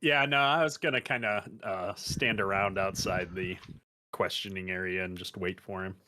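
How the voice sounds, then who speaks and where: Brief: male player, low voice, halting filler-laden speech. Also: steady tone, bright, forceful tone. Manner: stumbling, filler-heavy description of his character. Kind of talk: playing a tabletop game.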